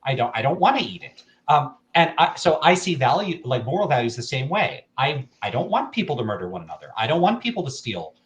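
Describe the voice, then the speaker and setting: A man's voice: mid-range voice, sing-song, brisk, few pauses. A man in a casual livestream monologue, slightly drunk and rambling, emphatically making his case and acting out imagined objections. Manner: tipsy, loose drunk rambling. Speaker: streamer giving opinions.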